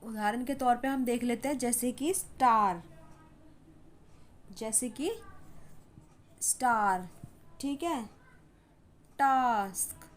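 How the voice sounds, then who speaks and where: A woman's voice: fairly high pitch, normal speed, hardly any pauses, a little mellow. A woman giving an English pronunciation lesson in Hindi, patiently repeating example words and saying "ठीक है" often. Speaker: English teacher.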